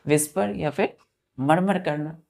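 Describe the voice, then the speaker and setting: A woman teaching a vocabulary lesson, slowly spelling words out letter by letter and often asking her students whether it is clear. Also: low voice, darkish tone. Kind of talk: classroom lesson.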